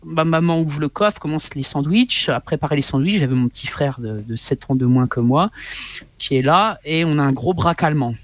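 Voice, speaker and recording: A man in his forties, a guest author, telling a personal story in an interview in an animated, halting way, often repeating his words. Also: on the high side, no echo.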